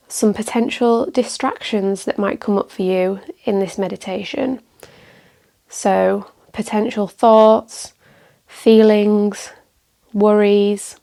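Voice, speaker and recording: A meditation teacher guides a session slowly and without hurry, her mid-range voice carrying a noticeable creak at the edges. She gives calm, gentle instructions in a measured way, pausing between phrases.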